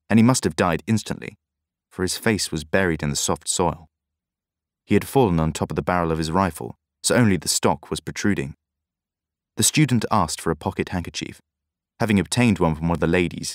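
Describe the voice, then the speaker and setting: Low-voiced male narrator, steady reading, very dry close sound. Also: dry recording. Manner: measured, even storytelling. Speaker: audiobook narrator. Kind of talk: scripted narration.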